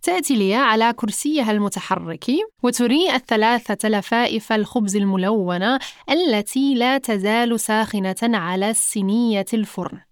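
Woman, children's story narrator, calm, even, fairly high voice, dry. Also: normal speed, clear, resonant tone, no echo.

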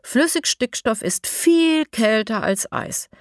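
A woman voicing a knowledgeable girl who calmly explains things, in a storybook reading. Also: fairly high pitch, slow pace, no room sound, clean studio sound, voice pushed up. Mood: explaining. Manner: explaining, cautionary.

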